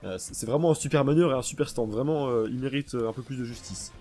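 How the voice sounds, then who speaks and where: A man's voice: medium pitch, quick pace, dark tone, soft background music. A man casually reviewing a dubbed anime, enthusiastic and rambling, with lots of fillers and restarts.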